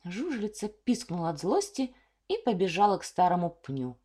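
A woman reading a fairy tale aloud, expressive narration. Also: fairly low pitch, normal speed. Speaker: reader. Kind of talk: storybook reading.

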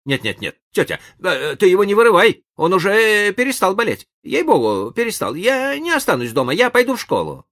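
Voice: high-pitched, animated, unhurried, voice pushed up. A whiny, melodramatic boy. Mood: pleading. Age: child.

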